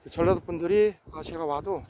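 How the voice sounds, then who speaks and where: A man's voice: a little high, a little fast. A man in his forties talking outdoors on a rocky hillside in a casual vlog, with a preachy manner and frequent affirmations. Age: 40s. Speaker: vlogger. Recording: noisy outdoor recording.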